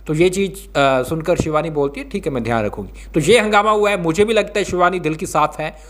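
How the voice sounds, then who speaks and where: A man casually recapping a reality show for viewers, acting out the quoted lines and filling pauses with small fillers. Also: sits high, a bit bright, slight background noise. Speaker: reality show update vlogger.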